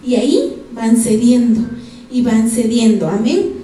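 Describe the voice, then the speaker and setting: In a church sanctuary, a woman with a Guatemalan Spanish accent preaches a sermon, addressing the congregation directly and asking them for examples. Her fairly high voice is expressive, unhurried and dark-toned. Recorded from far off in the echoey hall, the audio carries a little hiss or hum.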